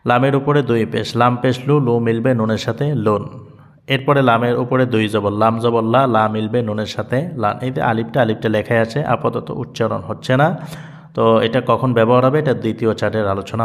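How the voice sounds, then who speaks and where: Man, Quran reading teacher, slow syllable drills, repeats sounds, asks and answers himself, long reverb. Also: medium pitch, steady tone. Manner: drills syllables slowly and repeats them, asks and answers his own questions.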